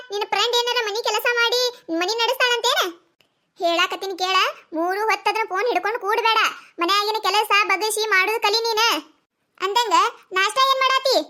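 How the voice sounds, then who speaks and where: A woman's voice: extremely high pitch, bright, forceful tone. Woman voicing a nagging village mother-in-law. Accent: North Karnataka Kannada. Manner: nagging, sarcastic, scolding. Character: scolding sharp-tongued village mother-in-law. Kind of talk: cartoon comedy voice acting.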